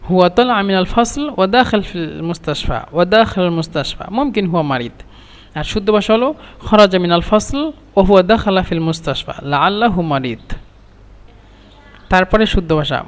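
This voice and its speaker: High-voiced man teaching Arabic in a reverberant room. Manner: repeats phrases slowly, then translates. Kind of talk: explaining Arabic phrases.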